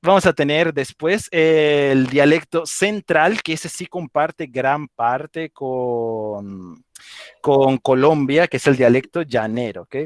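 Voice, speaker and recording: A man from Venezuela with an Andean accent, giving a relaxed live online talk on dialects and often checking in with "ok?". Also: mid-range voice, slow pace, no room sound, clean studio sound. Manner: explanatory, informal, with frequent "ok?" checks and laughs. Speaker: guest speaker on dialects.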